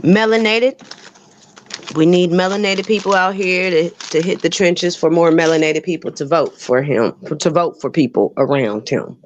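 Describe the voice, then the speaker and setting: A woman's voice: low-pitched, normal speed, hardly any pauses, lo-fi sound. A woman co-hosting a casual chat show, making blunt, emphatic asides. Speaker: podcast co-host.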